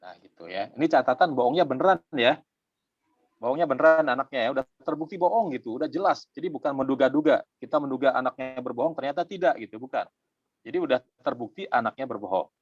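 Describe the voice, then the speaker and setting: A middle-aged man giving a conversational parenting talk, acting out parent and child in quick exchanges. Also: medium pitch, husky, no room sound, highs cut off. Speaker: parenting speaker.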